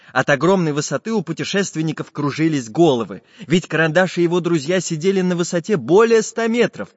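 A man narrating a children's storybook in an expressive, playful way. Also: on the high side. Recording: dull lo-fi with long reverb.

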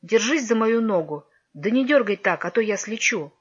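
A woman's voice: fairly high pitch, lively intonation, normal speed, slightly rough. A woman voicing a curt, impatient boy, on a dull lo-fi recording. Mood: cross.

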